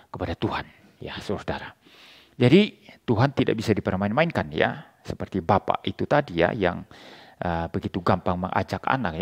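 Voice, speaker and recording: A man delivers a sermon in a low, grounded voice. He drives points home with repetition and speaks straight to his listeners. The delivery is firm and earnest. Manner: emphatic, repeats points, addresses listeners directly. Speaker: pastor.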